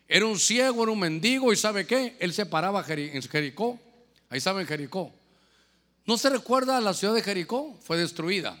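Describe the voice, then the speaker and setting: Emphatic preacher in an echoing church. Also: male voice, high-pitched, sharp tone. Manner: emphatic, repeats phrases, asks listeners questions. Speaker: pastor. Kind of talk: sermon. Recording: echoey hall, faint music.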